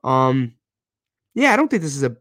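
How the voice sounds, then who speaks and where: A man's voice: mid-range voice, very animated, moderate pace, a bit bright, dry recording. Man, bro-ish sports host, slangy fan hype, emphatic repeats, close dry sound. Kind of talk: casual live football fan-show commentary.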